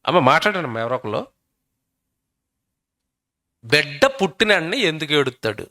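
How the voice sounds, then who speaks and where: A man's voice: on the high side, lively intonation, a little fast, pushed and bright. A male preacher, delivering a sermon and emphatically quizzing his audience.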